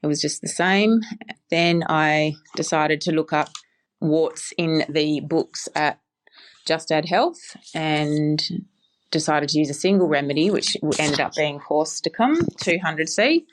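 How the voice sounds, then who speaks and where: A woman's voice: low voice, a little slow. A woman in her forties giving a chatty, matter-of-fact casual testimonial. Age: 40s. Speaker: podcast guest giving a testimonial.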